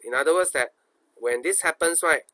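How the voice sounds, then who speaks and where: A man's voice: on the high side, fairly quick, bright, forceful tone. A man with a Singaporean accent giving an informal coding tutorial, thinking aloud in colloquial speech, asking himself questions and repeating phrases. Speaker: programming instructor.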